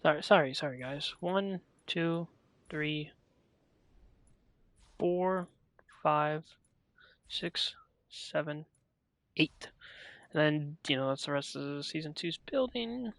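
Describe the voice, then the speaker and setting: A man's voice: on the high side, slow pace, long pauses, a bit bright, no room sound. A man streaming a video game, chatting casually and rambling as he thinks aloud and interrupts himself.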